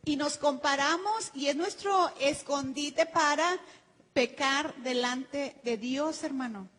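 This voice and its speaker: A woman's voice: sits high, a bit bright. A woman pastor preaching a sermon to her congregation, addressing them as brothers and sisters and acting out people's excuses in quoted voices. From Mexico. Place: church sanctuary. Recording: long reverb of a church hall.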